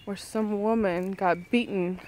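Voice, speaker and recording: A woman's voice: mid-range voice, fairly even intonation, a little slow, darkish tone, slight background noise. A woman vlogging while out walking, chatting casually, laughing often and cooing at animals. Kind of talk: casual chat on a walk.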